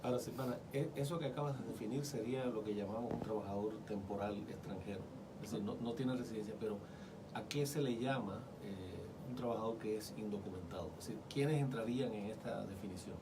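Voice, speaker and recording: A man's voice: on the low side, brisk, recorded from a distance, heavy background noise. Man co-hosting radio, off-mic. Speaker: radio co-host. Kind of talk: radio talk show.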